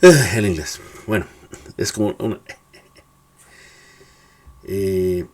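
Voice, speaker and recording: Slow, husky-voiced man teaching pronunciation. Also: low voice, lively intonation. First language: Spanish. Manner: slow, repeats words patiently, drills sounds aloud. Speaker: English teacher. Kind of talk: casual spoken lesson.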